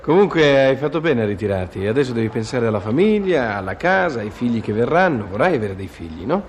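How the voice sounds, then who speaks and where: A man with an average-pitched voice leads a conversational comic interview. He acts as host and straight man, with slight noise behind him. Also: big pitch swings, fast talker.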